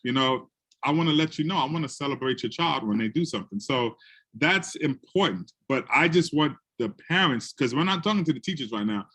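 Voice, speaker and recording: An animated man from the Bronx, New York, an educator and guest speaker, tells stories in a conversation, acting out quotes in other voices. His mid-range voice moves at a brisk clip.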